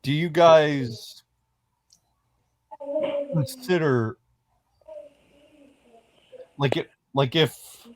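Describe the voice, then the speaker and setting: A man's voice: fairly high pitch, extremely slow, pauses often, noisy background. A man co-hosting a casual fan podcast, talking in a rambling, hesitant way with many restarts. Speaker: podcast co-host.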